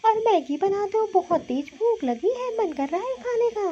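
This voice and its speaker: A woman's voice: very high-pitched, animated, normal speed, dark tone, muffled recording. A woman voicing a chatty, demanding young sister-in-law in a cartoon, with a whiny, pleading way of talking. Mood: complaining. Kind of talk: cartoon voice acting.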